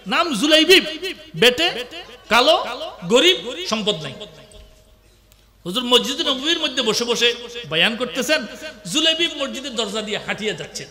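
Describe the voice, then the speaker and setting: A preacher from Bangladesh with an extremely high, very sharp and piercing voice. He tells his sermon as a lively story, breaking into laughing bursts and shouts. The sound carries a long reverb, like a hall.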